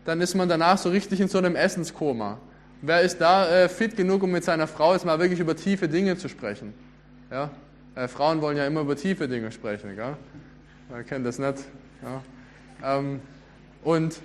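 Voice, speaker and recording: A man delivers a sermon in a loose, conversational way. His voice sits a bit high for a man. He keeps asking the audience questions as he goes. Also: slight background noise. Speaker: preacher.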